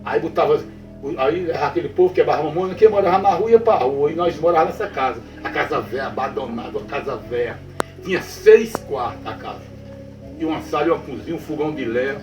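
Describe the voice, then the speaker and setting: A man with a Northeastern Brazilian accent tells a backlands ghost tale in a rather high voice, going back over his own phrases and checking in with his listener. He sounds a little far from the mic in a roomy space, with faint music underneath. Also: quick pace. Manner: repetitive, checks in with the listener often. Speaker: storyteller. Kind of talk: spoken folk tale told to a listener.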